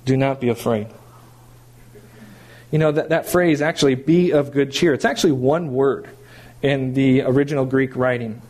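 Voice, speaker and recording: Middle-aged male pastor, sermon delivery, emphatic and animated, voice a little high. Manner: animated, emphatic preaching with rhetorical questions.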